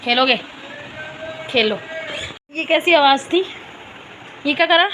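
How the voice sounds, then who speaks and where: A woman's voice: high-pitched, unhurried, highs cut off, noisy background. A young woman vlogging at home, talking with her small daughter and the viewers, by turns coaxing and scolding. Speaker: vlogger and mother. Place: home, indoors.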